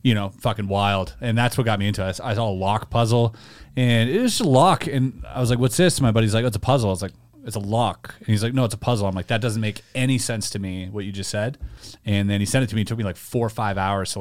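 A man's voice: lowish voice, quick pace, no echo. A man from Germany, a magician and comedian, telling rambling stories in a casual podcast chat.

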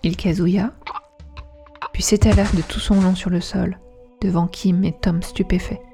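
A woman narrating a story aloud in an even, dramatic telling. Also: on the low side, moderate pace, faint music behind. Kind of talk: storybook reading.

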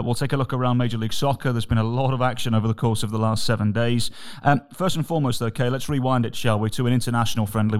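Croaky English man hosting a sports podcast. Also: mid-range voice. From England. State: croaky, hoarse voice, frog in the throat. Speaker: podcast host and football commentator. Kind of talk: casual sports podcast talk.

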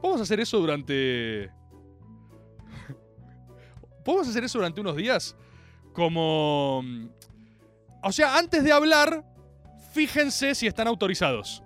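A man with a Rioplatense Spanish accent hosting a comic monologue, animated, theatrical and full of slang. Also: high voice, slow, long pauses, faint music behind. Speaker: host.

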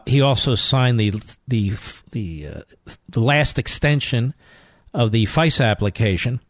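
A male talk radio host speaks into a studio microphone with a dry, close sound. His voice sits mid-range, and he delivers his points forcefully with indignant rhetorical questions. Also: mid-range voice, dry recording. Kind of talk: talk radio monologue and call-in.

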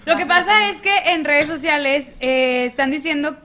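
A woman's voice: high-pitched, normal speed, pushed and bright. A woman on a comedy podcast, presenting a social media story with hesitant, giggly delivery. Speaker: podcast panelist. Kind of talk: presenting a news bit.

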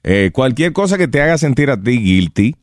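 A man's voice: mid-range voice, sing-song, moderate pace, no room sound, studio quality. A man hosting a radio show, teasing and reading a listener's letter, mixing English into his Spanish. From Cuba.

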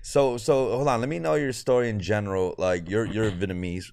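A man's voice: fairly low pitch, fairly even intonation, a little fast, gravelly, a little mellow, dry recording, clean studio sound. A man hosting a podcast, chatting and asking curious questions, casual and swearing freely. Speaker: podcast host. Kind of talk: casual chat.

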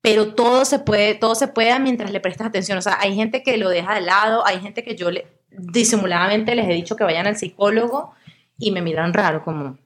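This interview guest, a young Venezuelan actress, talks fairly quickly in a mid-range voice. Her storytelling is lively and casual, with quoted voices acted out along the way.

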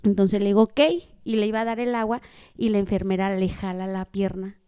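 A woman's voice: medium pitch, little pitch movement, fairly quick, mellow, clean tone. A woman from Mexico, a podcast guest, telling an emotional family story in casual conversation and retelling what people said.

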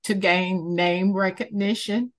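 A woman from Georgia answering interview questions conversationally, in a measured, deliberate way. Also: mid-range voice, steady tone. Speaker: interviewee, community campaigner.

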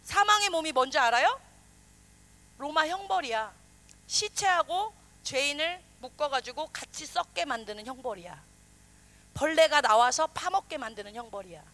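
A woman pastor preaches an animated sermon, questioning the congregation and acting out the voices she quotes. Her voice sits high and moves at normal speed.

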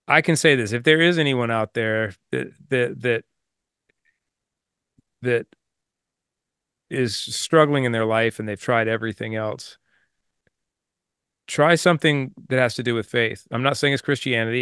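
A man co-hosting a podcast, talking casually and reflectively in an earnest, halting way. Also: medium pitch, fairly bright tone, clean tone, dry recording, clean studio sound. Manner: earnest, halting with repeated words. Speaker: podcast co-host.

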